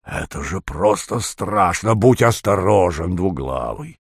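A man puts on a greedy space pirate boss with a booming, fat-sounding voice that sinks low and drags slowly. He is panicky and whines over his losses. The audiobook voice is dry and close. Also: no echo. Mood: whining, panicky. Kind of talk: audiobook reading.

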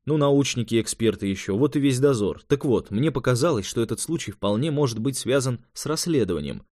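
Eager young male mage in an audiobook, higher and livelier than the narration, dry close sound, voiced by the male reader. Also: expressive, brisk, a little mellow, dry recording, lightly acted. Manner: raised, eager, explanatory.

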